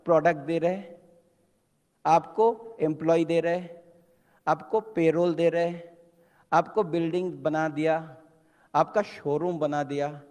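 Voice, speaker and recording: A man's voice: a little high, steady tone, a little slow, long pauses, darkish tone. A man giving an emphatic motivational seminar talk, switching between Hindi and English and acting out quotes. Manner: emphatic, preacher-like exhortation. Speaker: motivational speaker at a business seminar. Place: large hall. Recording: long hall reverb.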